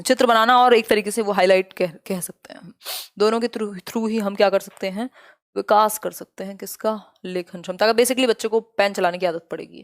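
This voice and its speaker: Woman teacher, live online class, reads questions slowly, direct and scolding. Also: medium pitch.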